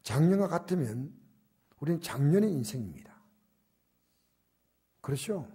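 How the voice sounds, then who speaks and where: An older man preaches to his congregation in a church sanctuary. His voice is dark and mellow, with a husky, breathy edge. He presses his points loudly, then falls to hushed, almost whispered asides. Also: on the high side, big pitch swings, moderate pace. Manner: shifts from loud emphatic exhortation to soft, near-whispered asides. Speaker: pastor. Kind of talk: sermon.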